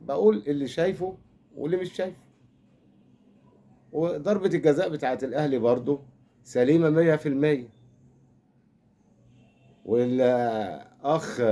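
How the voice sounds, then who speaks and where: Here an older Egyptian-accented football fan commentator delivers a comic rant, rambling, teasing and offering mock consolation. He speaks at a fairly high pitch with a warm tone.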